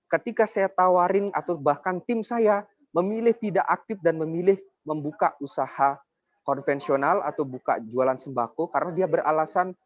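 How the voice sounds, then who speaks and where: Young man, twenties, persuasive business presenter, higher voice, muffled, dry recording. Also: moderate pace, dry recording. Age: 20s. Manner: persuasive, keeps addressing the audience. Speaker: network marketing presenter. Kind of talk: motivational sales presentation. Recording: dull lo-fi dry sound.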